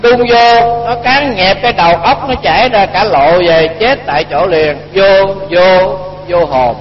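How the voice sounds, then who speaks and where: A man's voice: high-pitched, moderate pace. A man, a monk giving a folksy dharma talk and acting out the dialogue of his stories. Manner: folksy, colloquial, acts out dialogue. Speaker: Buddhist monk teacher. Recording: dull lo-fi recording, long hall reverb, faint hum.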